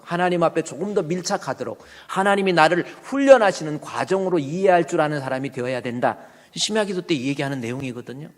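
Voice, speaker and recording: A male pastor with a high voice delivers an animated sermon and keeps firing rhetorical questions at the congregation. The sound carries a long reverb from a church sanctuary. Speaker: senior pastor.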